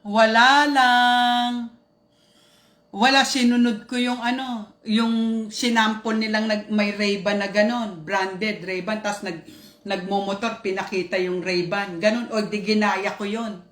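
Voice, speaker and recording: A woman's voice: medium pitch, fairly even intonation, moderate pace, roomy sound. A woman chatting casually on a live stream, rambling and greeting viewers by name.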